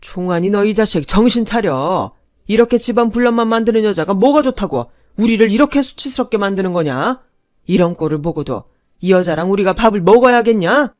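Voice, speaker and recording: A woman voices a proud, domineering older father who bellows harshly and angrily at his son, pitching above her own voice in a lightly acted performance. Her mid-range voice is expressive, a little fast, and a little mellow, recorded in studio quality with no room sound.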